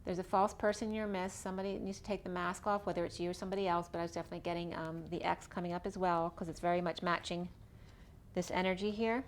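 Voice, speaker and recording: A woman's voice: on the low side, level tone, quick pace, a little hiss or hum. A woman giving a casual tarot reading, talking through each card as she draws it while losing her voice. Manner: chatty, thinking aloud while drawing cards.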